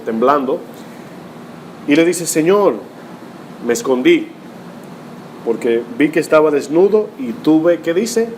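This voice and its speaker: Pastor preaching with rhetorical tags. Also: male voice, a little high, darkish tone, slight background noise. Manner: rhetorical, teaching tone with frequent "¿verdad?" tags. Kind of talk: sermon.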